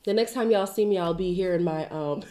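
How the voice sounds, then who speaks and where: A Zimbabwean woman who is sick hosts her own casual commentary show on pop culture, talking in a chatty, expressive way and drifting into side tangents. Her voice sits on the low side and she speaks briskly.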